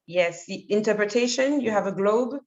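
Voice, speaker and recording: A woman's voice: mid-range voice, moderate pace, a little mellow. A woman on an online call giving casual, helpful step-by-step instructions, correcting herself as she goes. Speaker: event technical helper. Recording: dull online call audio.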